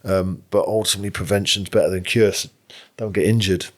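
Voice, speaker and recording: A man in his forties talks in a very low, deep voice. He gives frank, blunt coaching advice in a casual podcast chat and swears freely. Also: fairly even intonation, a little fast. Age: 40s. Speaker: jiu-jitsu coach.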